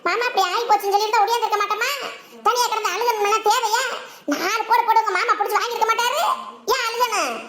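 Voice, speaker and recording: A woman's voice: very high-pitched, steady tone, fast, a bit bright. A woman voicing a scolding village mother-in-law in a cartoon, with a southern Tamil Nadu dialect and a nagging, reproachful manner. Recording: roomy echo.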